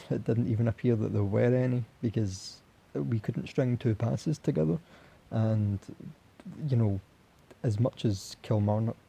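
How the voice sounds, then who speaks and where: A young man with a hoarse voice that is giving out, talking in a disappointed, halting way as a football fan reacting after a match. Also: medium pitch, dark tone. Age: young adult. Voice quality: husky, raspy. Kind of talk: solo post-match reaction talk.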